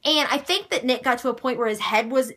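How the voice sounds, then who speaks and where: Bright-voiced chatty young woman. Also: sits high, brisk. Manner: chatty, gushing and emphatic, with mild swearing. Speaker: fan vlogger answering viewer questions. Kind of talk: casual chat.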